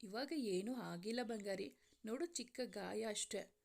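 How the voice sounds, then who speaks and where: A woman voicing a caring young male police officer in a storybook, speaking in soft, soothing reassurance. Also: medium pitch, unhurried, creaky. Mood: tender.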